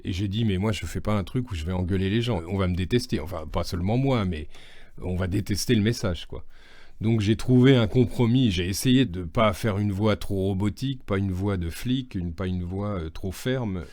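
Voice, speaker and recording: A French stage actor in his fifties chatting in an interview, unhurried and hesitant, with many fillers. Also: deep voice, darkish tone, no room sound. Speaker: stage actor and voice-over artist. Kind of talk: casual interview chat.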